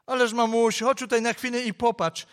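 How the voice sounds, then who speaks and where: An earnest little girl of four or five, begging and pleading in a high, light voice, as a man reading the story aloud puts her on. She speaks simply and sincerely, like a child in a told tale. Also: little pitch movement, brisk.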